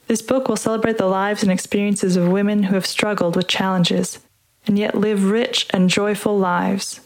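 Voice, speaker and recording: A woman reading a narrative piece aloud and introducing the program in a measured, deliberate way. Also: mid-range voice. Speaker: podcast host and reader. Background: music underneath.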